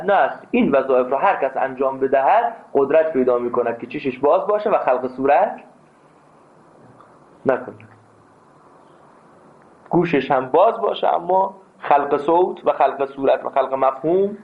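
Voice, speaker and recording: A man teaching a philosophy class, speaking emphatically and breaking into anecdotes. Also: mid-range voice. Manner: emphatic, animated, tells anecdotes. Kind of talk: classroom lecture. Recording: tinny phone-like sound.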